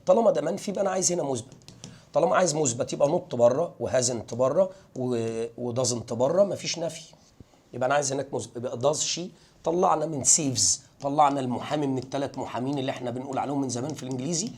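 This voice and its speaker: A man's voice: fairly high pitch, a little mellow, breathy edge. A man with an Egyptian Arabic accent teaching English grammar for exam prep, quizzing his students and repeating the key points with emphasis.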